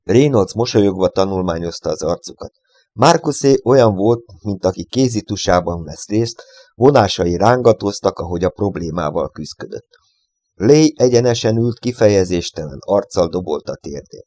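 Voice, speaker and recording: A man reading a novel aloud as an expressive audiobook narrator. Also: sits low, no echo, clean studio sound. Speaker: audiobook reader.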